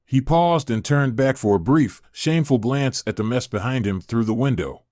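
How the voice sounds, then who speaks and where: A man's voice: mid-range voice, normal speed, a little mellow, no room sound. Man narrating a story in a dry voice. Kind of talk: scripted narration.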